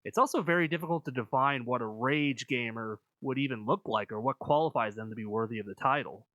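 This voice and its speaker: A man reading scripted video essay narration in a measured, explanatory manner. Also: mid-range voice, fairly bright tone, no room sound, low-quality recording.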